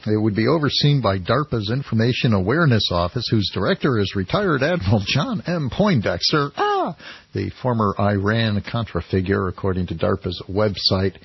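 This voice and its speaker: An American man with a husky voice hosting radio talk in a loose, halting, informal way. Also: fairly low pitch, expressive, no room sound. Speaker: fill-in radio talk host. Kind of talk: loose, ad-libbed radio talk with read-out news. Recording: dry, dull lo-fi radio broadcast.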